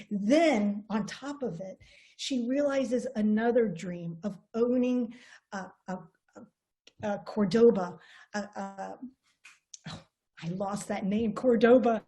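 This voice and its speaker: A middle-aged woman with a fairly high voice gives an online seminar over a video call. She tells stories with energy, restarting phrases as she goes, and leans on rhetorical questions. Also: a little mellow. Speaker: presenter.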